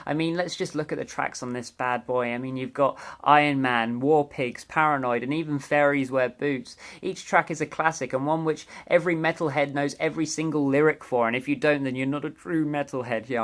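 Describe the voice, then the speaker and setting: A young man talking through a ranked album countdown in a relaxed, chatty way. His voice sits at an ordinary middle pitch, and he gets eager about favourite tracks, often restarting or correcting himself mid-phrase. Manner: enthusiastic and chatty, with small self-corrections. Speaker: music reviewer. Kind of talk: casual ranked album review.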